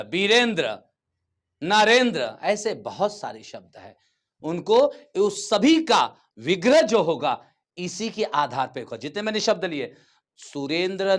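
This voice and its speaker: Slow, lively-voiced man teaching a lesson. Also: fairly high pitch. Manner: repeats words slowly and checks understanding. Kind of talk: classroom grammar lesson.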